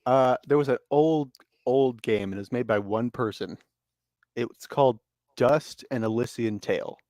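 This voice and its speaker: A man co-hosting over an online call, excitable and prone to loud exclaimed asides. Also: mid-range voice, moderate pace, no room sound, studio quality. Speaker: podcast co-host. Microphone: remote call mic, cutting out.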